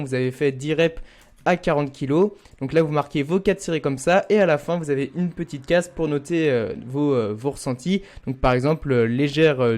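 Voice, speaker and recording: A man's voice: on the high side, a little mellow. A young man explaining a planning app in a casual tutorial, with frequent hesitations. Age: young adult. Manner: casual, many "euh" fillers, addresses viewers as "vous". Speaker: student fitness youtuber. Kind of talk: screen-recorded software tutorial.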